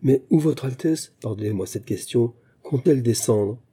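A man's voice: mid-range voice, moderate pace, warm tone, slightly rough, lightly acted. A man reading the part of a stiff, dutiful old prime minister over 60 in an audiobook, formal and deferential.

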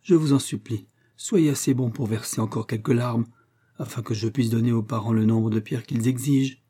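A man's voice: mid-range voice, fairly even intonation, normal speed, mellow, breathy edge, natural voice. A man voicing a lovesick young man in a storybook reading, with an emotional, pleading delivery.

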